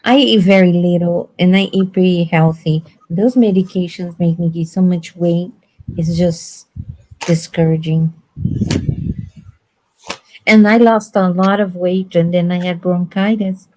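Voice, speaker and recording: A woman's voice: fairly low pitch, fairly even intonation, a little slow, darkish tone, rough recording. A woman hosting a casual chat, talking bluntly and acting out quoted voices in her stories. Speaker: host.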